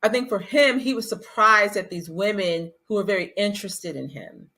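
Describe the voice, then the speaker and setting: Podcast host lady, bright punchy voice, animated chatty delivery. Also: medium pitch, normal speed. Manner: animated, acts out quotes in a raised voice. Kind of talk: casual chat about a reality show.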